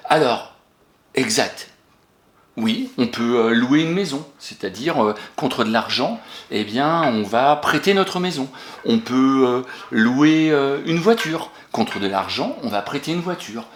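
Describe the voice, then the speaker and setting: A French-accented male teacher walks young pupils through spelling words one by one, asking questions and cheering each answer. His voice swings up and down with lively, animated pitch, and it rings in a roomy, echoey space. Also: a little slow. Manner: encouraging, patient, questions and praises pupils. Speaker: primary school teacher. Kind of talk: remote spelling lesson for young children.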